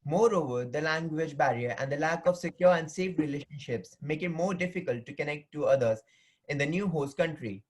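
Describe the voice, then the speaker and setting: Guy reading his presentation script, voice a bit on the high side. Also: a little fast, poor audio. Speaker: student presenter.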